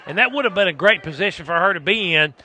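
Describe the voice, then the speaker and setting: A man with a bright, forceful and slightly high voice works as color commentator. He analyzes a live fight in a conversational way. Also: expressive, fast talker.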